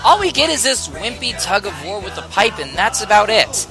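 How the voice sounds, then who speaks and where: A man's voice: sits high, sing-song, moderate pace, music in the background. A man narrating a scripted comedic video game review in a sarcastic, exasperated way.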